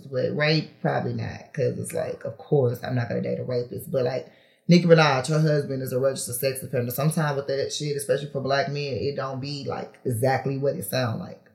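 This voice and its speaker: A woman in her thirties, known from reality TV, gives a chatty, candid podcast interview peppered with fillers and frequent laughs. Her voice is a rumbling low with vocal fry and a darkish tone, and the space is reverberant.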